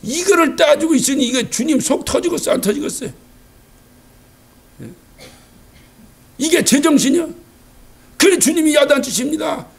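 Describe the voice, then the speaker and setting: A male pastor delivering a Sunday sermon in a church, animated, asking rhetorical questions and acting out quotes. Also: extremely high pitch, normal speed, gravelly, long pauses. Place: church sanctuary.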